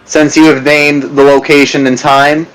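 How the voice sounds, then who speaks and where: A man's voice: fairly high pitch, flat delivery, normal speed, a bit bright, slight background noise, rough recording. A man playing a tabletop role-playing game, talking in a blunt, matter-of-fact way. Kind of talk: casual game chat.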